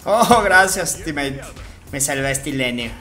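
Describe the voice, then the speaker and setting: A man with a Mexican Spanish accent giving live gameplay commentary as a streamer, jokey and profane, with sudden excited outbursts. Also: fairly high pitch, takes it slowly, soft background music. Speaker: gaming streamer.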